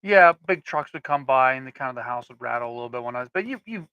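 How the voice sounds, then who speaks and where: A man's voice: mid-range voice, expressive, quick pace, clean tone, dry recording, muffled recording. A man co-hosting a casual podcast chat, telling rambling stories with frequent restarts. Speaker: podcast co-host.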